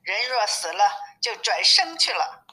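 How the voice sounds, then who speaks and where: A woman reading as a brisk, boastful monkey king. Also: fairly high pitch, sing-song, sharp tone, exaggerated voice, poor audio. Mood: teasing. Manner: brisk, teasing.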